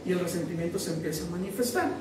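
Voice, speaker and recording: A man preaching a sermon to a congregation, animated, quizzing the listeners and acting out resentful people. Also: high voice, racing, background noise. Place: church hall with a congregation. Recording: very echoey hall, mic at a distance.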